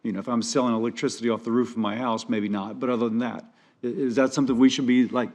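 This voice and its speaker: A man with an ordinary mid-pitched voice questions a witness as a senator. He talks conversationally, cuts in to follow up, and drops casual asides along the way. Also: steady tone, quick pace, darkish tone. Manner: conversational, interrupting, self-deprecating asides.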